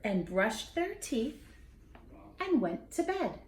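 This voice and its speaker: A woman with a high, very lively voice reads a picture book aloud. She takes her time, leaning into dramatic pauses and expressive phrasing for young listeners. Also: slight background noise. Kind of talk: children's story read aloud. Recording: roomy echo.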